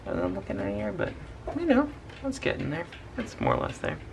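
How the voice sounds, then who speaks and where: Gravelly dad narrating a drawing. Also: male voice, medium pitch, huge pitch swings, noisy background. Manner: unhurried, talks through each stroke. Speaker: dad drawing on a family channel. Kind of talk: casual drawing tutorial narration.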